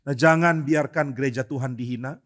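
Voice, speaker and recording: A man's voice: medium pitch, a little fast, a bit bright. A male pastor preaching a sermon in church, asking rhetorical questions and acting out quotes with emphasis.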